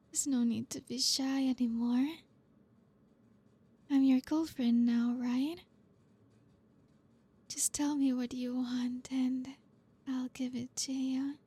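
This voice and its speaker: Slow breathy whispering woman. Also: high-pitched, level tone. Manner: soft whispering with frequent giggles. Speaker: roleplay performer speaking as a girlfriend. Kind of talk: whispered intimate audio roleplay.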